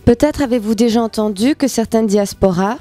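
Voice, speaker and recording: A woman interviewer putting formal, polite questions to her guest. Her voice is somewhat high and mellow, and faint music sits underneath. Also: brisk.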